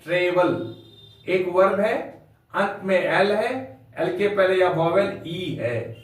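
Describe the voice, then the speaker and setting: A man's voice: high voice, takes it slowly. A man teaching English grammar, spelling words out letter by letter and calling his students dear children. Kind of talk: classroom lesson. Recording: very echoey room, mic far off.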